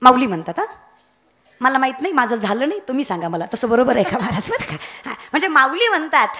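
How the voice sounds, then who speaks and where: A woman's voice: high voice, sing-song, quick pace, pushed and bright. A young woman giving a comic devotional kirtan sermon, telling a story, breaking into sung verses and teasing the audience. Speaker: kirtan preacher.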